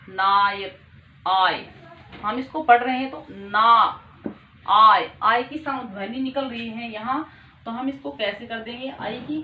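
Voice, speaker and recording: A young woman teaching a grammar lesson, patiently repeating each point and checking that her students follow. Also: fairly high pitch. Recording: echoey room, dull lo-fi sound, faint noise.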